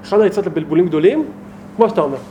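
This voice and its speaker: A man teaching as a rabbi to a small group, talking in an animated, emphatic way with many rhetorical questions. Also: high-pitched, slight background noise.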